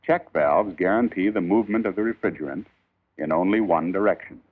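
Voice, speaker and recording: Tinny 1940s film soundtrack, man, low voice, old newsreel narrator, formal scripted instruction, emphatic. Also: brisk.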